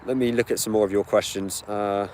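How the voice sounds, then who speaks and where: Standing next to his car, a British man in his 20s hosts his channel's live-stream Q&A, chatting casually and responding to viewer questions. He speaks fairly quickly in a fairly low, steady, slightly mellow voice. The camera sits on a tripod outside, with engine noise and street ambience around him.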